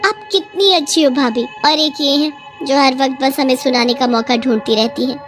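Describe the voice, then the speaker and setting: A woman voicing a sleepy, spoiled young daughter-in-law who sweetly demands favors in an animated story, with faint music behind. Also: high-pitched, normal speed. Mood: coaxing.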